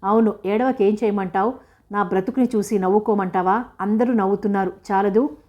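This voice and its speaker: A woman's voice: medium pitch, fairly even intonation, brisk, dark tone, muffled recording, lightly acted. A woman voicing a feverish, jealous young woman who speaks reproachfully. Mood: bitter. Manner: reproachful, accusing.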